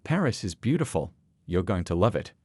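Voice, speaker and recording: A man's voice: low-pitched, big pitch swings, fairly quick, warm tone, slightly rough, no room sound, heavily acted. A man voicing a friendly, kind airline check-in worker in a read story.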